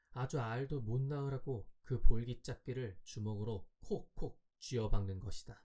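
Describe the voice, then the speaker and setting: A man narrating a classic story as a calm, measured audiobook reader for sleep. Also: mid-range voice.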